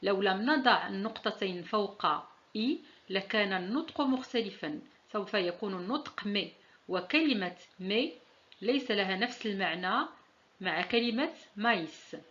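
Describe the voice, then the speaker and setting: A woman teaching a French lesson, saying each example slowly and deliberately. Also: mid-range voice, lively intonation, a bit bright, muffled recording. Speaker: language teacher.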